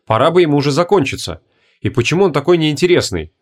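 A man's voice: a little high, sing-song, fast talker. Man narrating a fantasy audiobook. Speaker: audiobook reader. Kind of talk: scripted narration.

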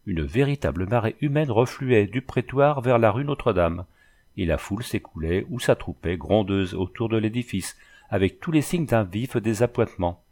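A man reading a classic novel aloud as scripted narration, in a measured, even storytelling delivery. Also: on the low side. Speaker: audiobook reader.

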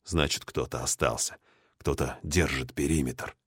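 A man voicing a calm, guarded survivor who speaks quietly and low. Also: moderate pace, slightly rough, no room sound, studio quality, full character voice. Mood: hushed.

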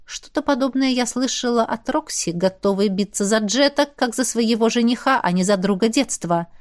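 Brief: female narrator for a fantasy audiobook, expressive, slightly high voice. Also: moderate pace. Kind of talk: first-person audiobook narration.

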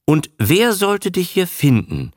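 A man's voice: sits high, huge pitch swings, slow pace, darkish tone, no echo, studio quality, pitched above the performer's own voice, exaggerated voice. A man voicing an awkward, shy young man in an audiobook, speaking hesitantly and uneasily. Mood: uneasy. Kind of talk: audiobook character voice.

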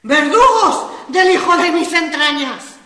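An actress playing an anguished, raging working-class mother in a radio drama, wailing hoarsely with tragic sorrow over her murdered child. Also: extremely high pitch, expressive, takes it slowly, pushed and bright, exaggerated voice. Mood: tragic sorrowful rage. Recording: echoing hall with long reverb.

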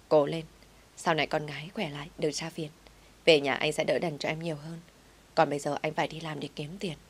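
A woman voicing a gentle, devoted young husband who speaks softly and reassuringly to his wife. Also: a little high, husky. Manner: soft, soothing, reassuring.

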